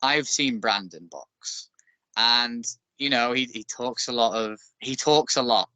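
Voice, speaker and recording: A man's voice: mid-range voice, unhurried, sharp tone, no room sound. A man in his thirties from Northern England with a Northern English accent, a bare knuckle boxer chatting as a guest with dry, self-deprecating humor. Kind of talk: casual interview chat.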